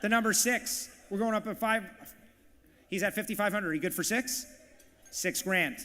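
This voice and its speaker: A man working as auctioneer and emcee at a live charity event, calling bids in a rapid, punchy, hyped way. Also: high-pitched, pushed and bright, in a large hall. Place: large banquet hall, live audience.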